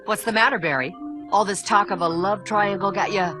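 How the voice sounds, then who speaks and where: A woman's voice: medium pitch, brisk, lightly acted. A woman voicing a showy female bee talk show host who probes and teases her guest in a video game cutscene. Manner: probing, teasing interviewer. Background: music.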